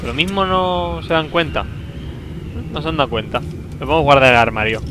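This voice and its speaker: Excitable gamer with a lively voice. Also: male voice, a little high, brisk, background noise. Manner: excitable, talks to himself, bursts into loud exclamations. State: sore throat. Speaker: gameplay commentator. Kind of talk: let's play commentary.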